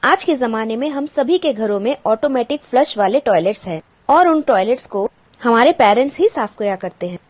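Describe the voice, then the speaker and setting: A woman's voice: fairly high pitch, lively intonation, normal speed. A woman teacher patiently explaining a school textbook chapter to children, glossing English words and asking the pupils questions.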